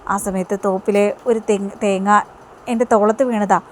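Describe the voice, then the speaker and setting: A woman's voice: medium pitch, little pitch movement, normal speed, warm tone, slight background noise, lightly acted. Brief: woman reading a sneaky fake-sorry villain from a soap retelling. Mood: evasive. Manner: evasive, falsely sorrowful. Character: sly villainous man feigning injury.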